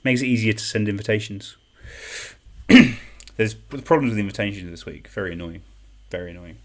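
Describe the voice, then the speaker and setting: Young man, quiz host, chatty and self-deprecating, lowish voice. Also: steady tone, a little fast. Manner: chatty, self-deprecating, reads chat comments and repeats questions. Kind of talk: casual live-stream quiz hosting.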